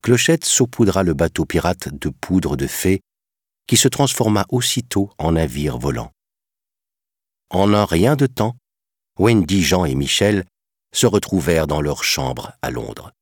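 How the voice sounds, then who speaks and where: Storybook narrator: a man with a very deep, husky voice, slow and lively in tone, dry sound. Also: no room sound. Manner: expressive, measured storytelling. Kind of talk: storybook reading.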